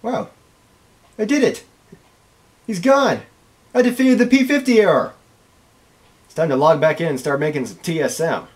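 In a small home bedroom, a young man performs an amateur comedy sketch for the camera, sounding exclamatory and exasperated. His voice is on the high side, at a moderate pace broken by long pauses.

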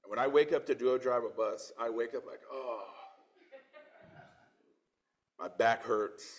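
A man's voice: mid-range voice, unhurried. A man in his forties from Trinidad, preaching a sermon in church, reading scripture with swelling emphasis and dropping into plain conversational asides. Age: 40s.

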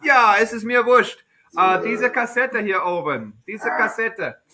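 A man who is not a native speaker of German teaches a beginner high-school class in a classroom, asking simple questions again and again and answering them himself. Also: expressive, slow, a crowd in the background. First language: English. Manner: simple repeated questions to students, self-answering.

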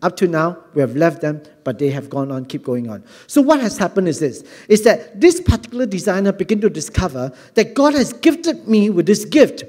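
A middle-aged man with a Singaporean English accent preaching a sermon on a church stage into a handheld mic, earnest and animated, often repeating words. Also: high-pitched, moderate pace, hardly any pauses. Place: large church hall on a stage. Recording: long hall reverb.

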